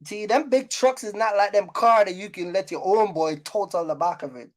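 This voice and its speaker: Speaking at a moderate pace in a medium-pitched voice, this YouTube host gives trucking business advice in an unscripted rant. She's blunt and scolding, repeating points for emphasis.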